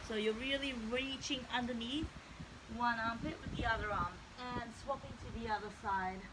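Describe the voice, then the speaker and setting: A woman's voice: fairly high pitch, normal speed, noisy background. A woman instructing a guided stretching workout, explaining each movement step by step.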